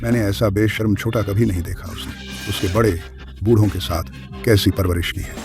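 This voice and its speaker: A man's voice: on the low side, fairly even intonation, normal speed, close to an everyday voice. An actor dubbing a frail, complaining old grandfather who whines, stammers and pities himself. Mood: scolding. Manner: whiny and self-pitying, stammers. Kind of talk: Hindi drama dubbing. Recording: dialogue over music.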